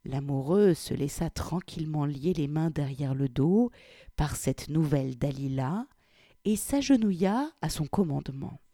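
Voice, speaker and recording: Expressive woman reading a story aloud. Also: low voice, measured pace, no echo, studio quality. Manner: expressive reading, lively intonation. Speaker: reader presenting an anthology. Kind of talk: reading a story aloud, then casual commentary.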